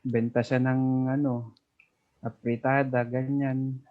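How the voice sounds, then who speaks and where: A man from the Philippines, a guest overseas worker, chatting casually in an unhurried, easygoing way over a remote call. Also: mid-range voice, little pitch movement. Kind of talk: casual chat. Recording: dull lo-fi call audio.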